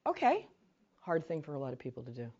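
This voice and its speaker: Fast-talking and low-voiced, this woman runs a casual training lecture in a meeting room, captured in dull audio. She keeps things chatty, spinning animated stories with plenty of asides.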